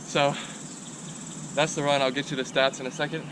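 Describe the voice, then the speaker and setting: A man's voice: on the high side, little pitch movement, moderate pace. A man chatting casually to his camera outdoors as he records a vlog. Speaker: vlogger. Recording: noisy outdoor ambience.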